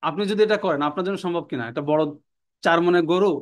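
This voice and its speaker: A man teaching an online language class, repeating words and their meanings in a slow, drilling way. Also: high-pitched.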